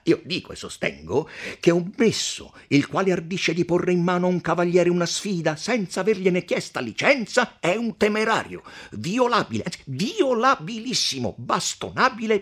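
A cocky young nobleman shouts his opinions and scoffs at his opponent, as a male reader acts him out. His voice rides high and swings widely, with a husky grain. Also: exaggerated voice. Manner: loud, boisterous, scoffing.

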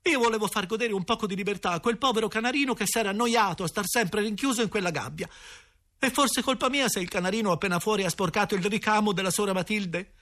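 A man's voice: high-pitched, fast, a bit bright, pitched above the performer's own voice. A man reading an audiobook, voicing a cheeky young boy who protests defiantly in a raised voice. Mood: indignant.

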